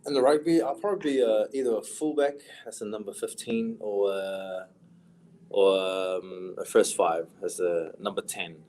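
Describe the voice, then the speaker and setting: A young man from New Zealand with a New Zealand accent, a footballer chatting casually in a podcast interview, soft-spoken with a voice that trails off quietly. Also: on the low side, fairly even intonation, normal speed. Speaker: professional footballer guest.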